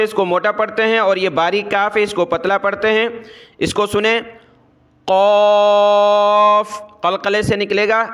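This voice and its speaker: A man teaching Arabic letters for Quran reading, explaining quickly, then drawing out each letter slowly and repeating it three times. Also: high voice, fairly bright tone, clean tone. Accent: Urdu-speaking Pakistani. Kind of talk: slow drilled letter pronunciation lesson.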